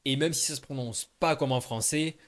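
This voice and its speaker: A man's voice: medium pitch, fairly quick, fairly bright tone. A man giving a casual video lesson on pronunciation, speaking directly and informally to the viewer and demonstrating sounds aloud. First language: French. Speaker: Chinese language teacher.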